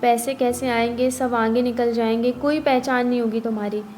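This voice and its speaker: A woman's voice: on the high side, steady tone, normal speed, darkish tone, faint music behind, lightly acted. A woman voicing a nagging worried parrot. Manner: warning, insistent. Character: anxious nagging male parrot, the mind.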